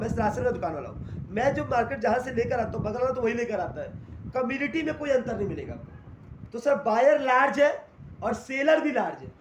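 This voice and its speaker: A man teaching a class in Hindi mixed with English terms, asking questions and answering them himself. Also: extremely high pitch. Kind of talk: classroom lecture. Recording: echoey room, faint noise.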